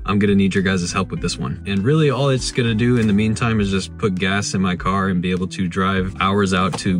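A young man hosting a car vlog, talking chattily to a phone held at arm's length, first inside a parked car and then out at an auction lot. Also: lowish voice. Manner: enthusiastic, chatty, thinking aloud. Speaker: vlog host. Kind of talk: casual walkaround vlog.

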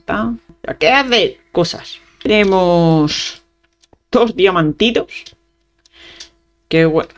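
A gaming channel host with a mid-range voice and a Spanish accent from Spain keeps up casual, playful commentary as she plays. She chats with her viewers and mutters little sound effects along the way.

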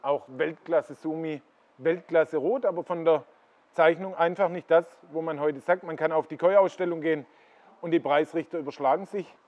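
A man's voice: a little high, normal speed. A middle-aged man leads a walking tour through greenhouse koi ponds, pointing out fish and explaining their qualities. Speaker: koi dealer giving a farm tour. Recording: slightly dull lo-fi sound.

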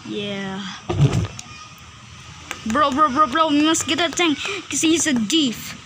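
Playful high-voiced woman, noisy recording. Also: takes it slowly. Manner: playful, excitable, repeats words in bursts. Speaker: narrator voicing all characters. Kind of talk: homemade animated story with voices.

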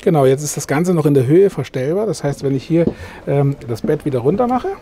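A man's voice: expressive, a little fast, background noise. A middle-aged man, a sales manager, walking an interviewer through a camper van with lots of ähm fillers, recorded close inside the van at a trade fair. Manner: pitching, filler-heavy with frequent ähm. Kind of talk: product walkthrough.

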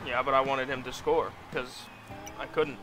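A young man streaming a hockey game with friends, yelling at the game, swearing and laughing as he plays. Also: mid-range voice, fairly even intonation, moderate pace, music in the background. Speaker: gaming streamer. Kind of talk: excited gameplay chat.

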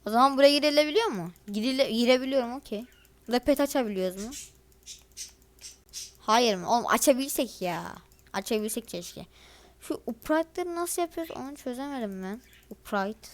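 A teenage girl with a fairly high voice chats her way through a game. She grumbles and sounds exasperated as she speaks straight to her viewers. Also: lively intonation, fairly quick. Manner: chatty, grumbling and exasperated, addresses viewers directly. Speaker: gaming video creator. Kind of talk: casual gameplay commentary.

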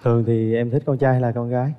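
Man, gentle, earnest, mid pitch, long studio reverb. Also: fairly even intonation, quick pace, narrow, tinny audio, noisy background. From Ca Mau, southern Vietnam. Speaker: dating show contestant. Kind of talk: casual conversation.

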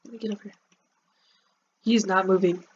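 A woman at a medium pitch and moderate pace plays a video game and comments on it in casual let's-play chat. She's chatty and excitable, talking to her viewers. A dull lo-fi mic adds faint hiss.

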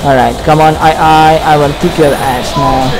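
Young tunisian-born guy doing a let's play, english not his first language, kinda high voice, swears at the game, music blasting behind. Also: steady tone, normal speed, low-quality recording. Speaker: let's player. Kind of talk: live gameplay commentary. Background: racing game music.

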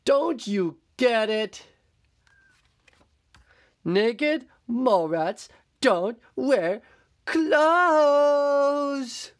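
A man's voice: high-pitched, wildly swooping pitch, extremely slow, voice pushed up, full character voice. A man voicing a pack of small, scornful naked mole rats in a children's storybook reading. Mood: exasperated.

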